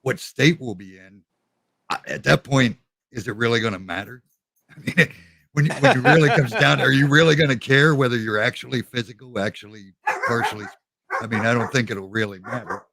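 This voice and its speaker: A man co-hosting a casual faith discussion, giving his views in an easygoing, measured way. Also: medium pitch, vocal fry, pushed and bright. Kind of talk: casual discussion on a live stream.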